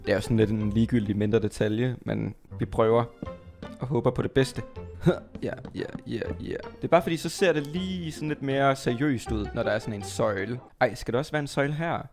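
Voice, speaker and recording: A Danish man commentating his Minecraft play, chatty and excitable, talking to viewers and to his pet, squealing when startled. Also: mid-range voice, soft background music. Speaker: gaming YouTuber.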